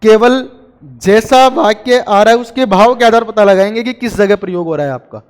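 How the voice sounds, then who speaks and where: A man's voice: high-pitched, moderate pace, clear, resonant tone, long reverb tail. A man teaching a grammar lesson to a class, chatty and joking with his students between explanations.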